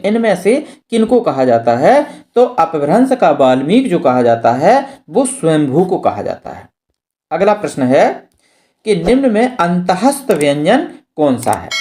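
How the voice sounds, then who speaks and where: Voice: medium pitch, warm tone. A teacher giving an exam-prep lesson. They read multiple-choice questions aloud and explain the answers patiently, repeating key terms. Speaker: Hindi grammar teacher.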